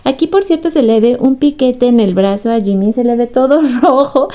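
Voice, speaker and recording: A woman giving a casual recap commentary as a fan, amused, laughing often and acting out quoted lines in higher voices. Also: moderate pace, warm tone.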